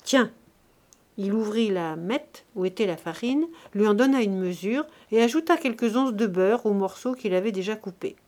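A woman reading a classic novel aloud in a measured, even audiobook narration. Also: mid-range voice.

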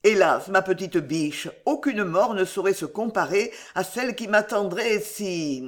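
A narrator voicing an anxious young poet in love, urgent and hushed, in an audiobook of a classic novel. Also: mid-range voice, animated, unhurried, lightly acted.

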